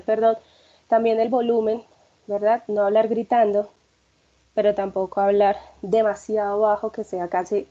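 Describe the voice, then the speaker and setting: A woman's voice: mid-range voice, mellow, highs cut off. A woman leading an online workshop, talking conversationally with frequent fillers and checking questions. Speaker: workshop facilitator.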